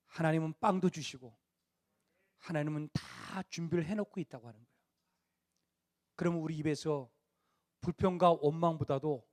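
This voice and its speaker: A middle-aged man with a high-pitched voice preaching to young adults. He shifts between a chatty, storytelling tone and rising, forceful emphasis. He sometimes acts out the lines of the people in his stories. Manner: animated preaching, rising to near-shouts at emphasis; acts out quoted dialogue in a conversational tone. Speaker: pastor. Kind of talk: sermon.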